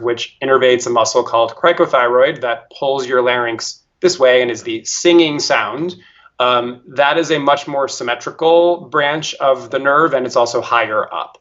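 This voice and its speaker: A man's voice: mid-range voice, measured pace, a bit bright, lo-fi sound. A man speaking as an interview guest, explaining in a careful, teacherly way and now and then showing voice techniques aloud.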